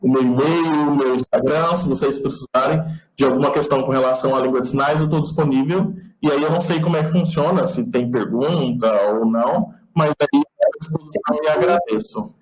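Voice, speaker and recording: A man's voice: fairly high pitch, brisk, few pauses, roomy sound, low-quality recording. Patient Brazilian man teaching sign language. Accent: Brazilian Portuguese. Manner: patient, explanatory, demonstrates as he talks. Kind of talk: online lecture teaching the sign alphabet.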